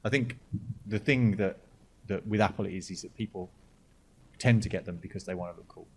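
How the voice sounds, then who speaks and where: A man's voice: lowish voice, a little fast, a little hiss or hum. A man hosting a casual podcast chat, joking and restarting his sentences often. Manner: jokey, rambling, with repeated restarts. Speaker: podcast host.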